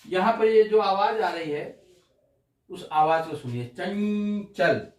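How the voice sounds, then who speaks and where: A male Hindi teacher giving a classroom-style pronunciation lesson, slowly drilling syllables one by one. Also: high-pitched, lively intonation. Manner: slow, deliberate syllable-by-syllable drilling. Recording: roomy, distant mic.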